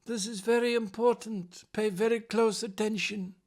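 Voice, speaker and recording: A man gives tabletop role-playing game advice in an animated explainer, presenting theatrically and playfully with sarcastic asides. His voice is high with a darkish tone, fairly even intonation, and normal speed.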